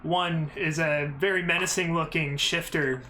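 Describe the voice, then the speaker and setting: A game master narrating a tabletop game, relaxed and laughing easily with the players. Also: medium pitch, unhurried, a little hiss or hum.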